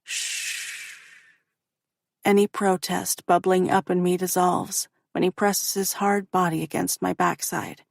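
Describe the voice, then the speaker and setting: A woman reading a first-person romance audiobook in a slow, intimate way. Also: lowish voice, flat delivery, gravelly, dry recording, studio quality. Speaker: audiobook narrator.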